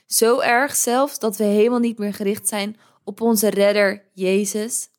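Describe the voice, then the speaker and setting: A woman hosting a podcast, reading a devotional in a gentle, measured way. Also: mid-range voice. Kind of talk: calm scripted devotional reading.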